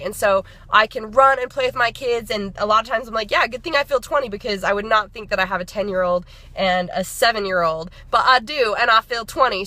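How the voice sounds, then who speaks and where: Bright and forceful, with fairly high pitch, this woman's voice carries an upbeat motivational vlog. She's a thirty-something fitness and nutrition coach chatting casually, her talk rambling and full of fillers and restarts.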